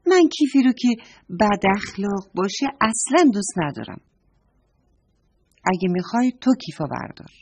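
A woman's voice: medium pitch, animated, darkish tone, slightly rough. A woman voicing a stubborn, sulky little girl in a children's story, talking in a whiny, petulant way. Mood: angry.

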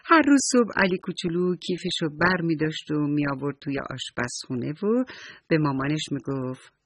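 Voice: medium pitch, animated, a bit bright, breathy edge, no room sound. Affectionate storyteller for young children. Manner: affectionate, addresses children directly.

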